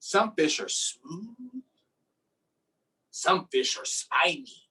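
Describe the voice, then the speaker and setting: A man reads aloud at a storytime and chats encouragingly and simply with young children, speaking extremely slowly in a high, bright, forceful voice with big pitch swings. He sits far from the mic.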